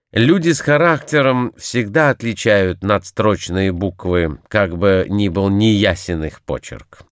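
A man's voice: fairly low pitch, no room sound, clean studio sound. A man voicing a cool, analytical detective who lectures in a detached, precise way, in an audiobook. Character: cool analytical male detective, middle-aged. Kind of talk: audiobook character reading.

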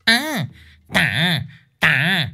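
A man's voice: a little high, sing-song, drawn-out words, gravelly, bright, forceful tone, slightly rough, faint music behind, voice pushed up, full character voice. A man voicing a brash, fierce country woman who shrieks crude threats in a ghost story. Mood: furious taunting.

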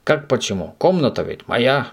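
A man voicing an angry, loud middle-aged landlady who scolds her lodger. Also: lively intonation, a little fast, slight background noise, lightly acted. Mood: indignant. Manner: shrill, scolding, indignant.

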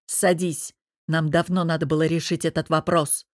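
A woman's voice: low voice, little pitch movement, moderate pace, dry recording, studio quality, pitched below the performer's own voice, lightly acted. A woman voicing an angry, domineering, jealous young businessman husband who growls and barks his words. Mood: angry shouting. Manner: growling, barking, hissing through teeth.

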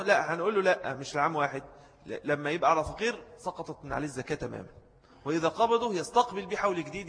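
A man with an Egyptian Arabic accent teaches a religious jurisprudence lesson at a quick clip, his voice pitched a little high. He repeats his key points and stops to answer students. The sound trails off in a long hall reverb. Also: vocal fry, fairly bright tone.

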